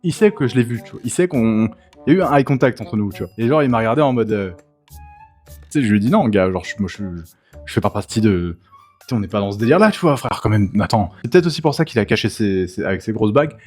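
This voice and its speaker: A young man, a tattoo artist, telling wild shop stories in a lively, slangy vlog, leaping up in pitch for emphasis. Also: fast, faint music behind. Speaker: tattoo artist and channel host. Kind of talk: animated storytelling vlog.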